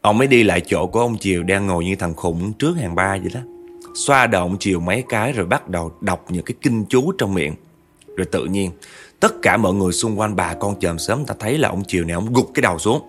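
A man's voice: low-pitched, animated, quick pace. A man telling a horror story in a dramatic way, speaking straight to his listeners. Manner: dramatic, addresses listeners directly.

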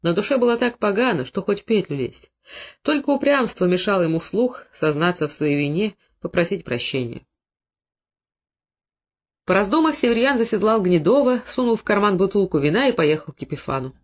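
Brief: high male narrator, expressive audiobook read, muffled lo-fi sound. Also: a little fast. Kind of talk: audiobook reading. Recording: dull lo-fi recording.

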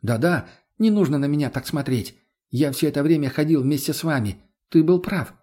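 A man reading an audiobook and voicing a smug, threatening young male villain with a mocking, menacing manner and a husky voice. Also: fairly high pitch, expressive, fairly quick, dark tone.

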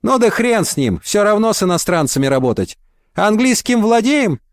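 Here's a loud, crude office boss, a woman with a low chesty voice and a lively, mocking delivery, as a male reader puts her on. She barks blunt questions and needles the applicant, and the sound is dry and close. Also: normal speed, dry recording. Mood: brash.

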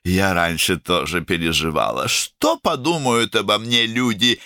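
A man's voice: sits low, unhurried, bright, forceful tone, no echo, studio quality, pitched above the performer's own voice, heavily acted. A man voicing an outspoken middle-aged woman doctor who talks emphatically and teases. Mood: emphatic. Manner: emphatic, scolding, teasing.

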